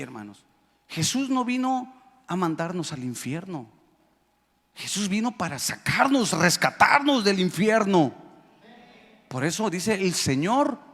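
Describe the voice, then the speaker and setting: In a church hall, a pastor with a Mexican Spanish accent and a slightly high voice preaches a sermon. He's emphatic, calls out to the congregation and jokes with them, and the sound has a big-room quality.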